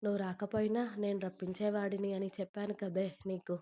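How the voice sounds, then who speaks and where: A woman's voice: medium pitch, flat delivery, fairly quick, mellow, close to an everyday voice. A woman reading as a teasing, doting young boyfriend. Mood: tender. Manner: teasing, coaxing. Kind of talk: storybook reading.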